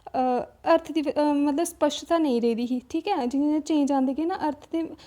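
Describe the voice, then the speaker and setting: A woman's voice: high voice, normal speed, warm tone. A woman with a Dogri accent giving an exam-prep lecture, explaining step by step with frequent checks and restarts. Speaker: teacher.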